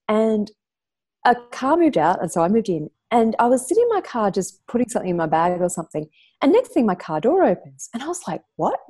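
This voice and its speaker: A woman, a podcast guest telling an intense story in casual chat. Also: mid-range voice. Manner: animated, intense storytelling with laughs.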